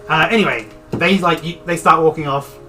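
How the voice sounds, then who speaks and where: A man's voice: on the high side, fairly quick, bright, forceful tone. A young man running a tabletop game as game master, casual and laughing often, with lots of fillers. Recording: distant mic with background music.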